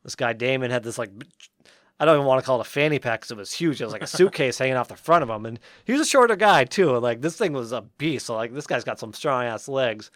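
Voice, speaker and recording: A man's voice: medium pitch, lively intonation, quick pace, fairly bright tone, no echo, studio quality. A young man from Western Massachusetts co-hosting a podcast, telling a story in a casual chatty way full of "like" and "um". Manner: rambling, many fillers like "like" and "um". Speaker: podcast co-host.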